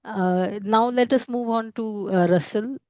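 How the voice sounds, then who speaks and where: A woman moderating an online panel in a brisk, polite way. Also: a little high, a little mellow, clean tone, no room sound.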